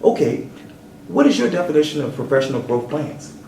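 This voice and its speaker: A man hosting a local TV interview, asking questions in a measured way and reading an official statement aloud. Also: on the high side, sing-song, vocal fry, warm tone, roomy sound, recorded from a distance, slight background noise, rough recording. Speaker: interviewer and show host.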